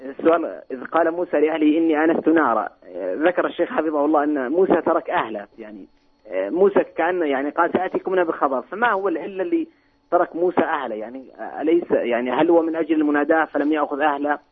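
A man's voice: on the high side, racing. A man from Saudi Arabia calls in over the phone to a religious program, asking questions hesitantly and restarting his phrases as he searches for words. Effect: heard over the phone. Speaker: caller to a religious call-in program. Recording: tinny phone line, husky.

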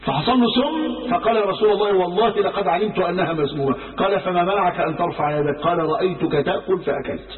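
High-pitched Egyptian preacher in echoing hall. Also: male voice, racing, few pauses. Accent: Egyptian Arabic. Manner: lively storytelling, acts out quoted speech. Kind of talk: sermon. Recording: roomy hall from far off, phone-like sound.

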